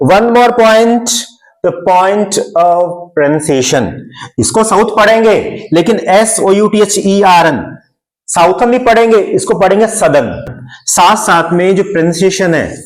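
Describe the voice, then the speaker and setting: A man's voice: sits high, rough recording. A man from India teaching English grammar in a classroom-style lesson, explaining step by step and repeating terms in Hindi and English.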